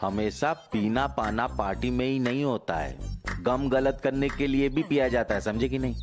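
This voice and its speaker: A man's voice: medium pitch, normal speed, music in the background, close to an everyday voice. A man playing a hesitant, hurt relative. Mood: firm. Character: wounded younger relative refusing to stay. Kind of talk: sitcom acting.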